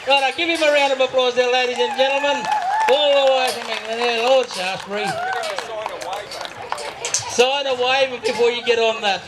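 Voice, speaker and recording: An Australian man commentating live at a rodeo, excitedly urging riders on with repeated shouts and calls for applause. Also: very high voice, normal speed, pauses often. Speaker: rodeo announcer. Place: outdoor rodeo arena. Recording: loud music and crowd over outdoor announcing.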